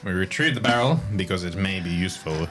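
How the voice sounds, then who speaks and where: A man's voice: deep voice, lively intonation, quick pace, fairly bright tone. A man chatting casually as a player in a tabletop role-playing game, describing what he will do. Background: music.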